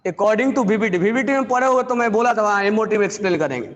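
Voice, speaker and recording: High-voiced male chemistry teacher. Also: expressive, long reverb tail, lo-fi sound. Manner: dictates slowly, repeats phrases, quizzes students. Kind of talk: classroom lecture dictating notes.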